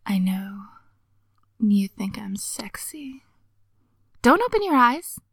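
A woman voicing a playful, teasing young woman just out of school, talking close to the mic in a breathy whisper with frequent giggles. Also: medium pitch, dry recording. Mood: whispery teasing. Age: young adult. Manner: giggly, coaxing, slow and drawn-out. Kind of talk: intimate audio roleplay.

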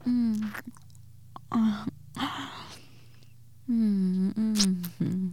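A woman in an intimate whispered audio roleplay, speaking in a soft, breathy whisper with frequent playful giggles. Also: mid-range voice, fairly even intonation, extremely slow, pauses often, slight background noise.

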